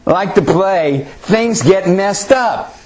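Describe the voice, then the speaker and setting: A man's voice: sits high, expressive, takes it slowly. A man preacher reading scripture aloud and telling a story in an earnest sermon. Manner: earnest storytelling with acted quotes.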